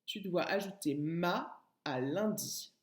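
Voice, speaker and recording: Slow, patient woman teacher, echoey room. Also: on the low side. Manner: slow, patient, addresses child directly. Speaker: kindergarten teacher. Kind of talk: recorded remote lesson.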